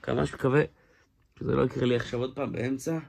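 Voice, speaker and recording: A man giving a casual hands-on toy review, excitable, exclaiming often and restarting his sentences. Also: mid-range voice, vocal fry. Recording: noisy home recording with clicks.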